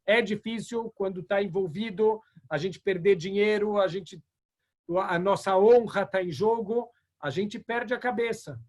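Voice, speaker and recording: A rabbi teaching a lesson over a video call, with a fairly high voice for a man. He tells stories with animation and slips into the characters' lines. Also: a little slow. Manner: animated storyteller, acting out dialogue. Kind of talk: religious ethics lesson with storytelling.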